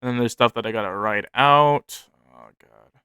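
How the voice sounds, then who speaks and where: A man's voice: mid-range voice, normal speed, pushed and bright, smooth, no room sound. A man casually reading his own fiction notes aloud, rambling, correcting himself and swearing freely.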